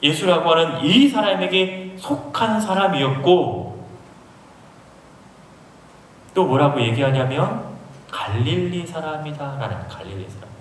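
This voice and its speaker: Heard from a distance in the echoey hall of a big university auditorium, this Seoul pastor unpacks a passage and poses questions to the audience. He speaks a little high and animated, taking his time with long pauses. Slight background noise is present.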